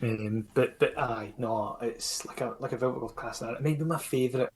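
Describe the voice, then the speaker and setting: A Scottish comics creator chatting casually as a podcast guest, rambling and self-critical, with lots of fillers. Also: male voice, mid-range voice, brisk, husky. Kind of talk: casual chat.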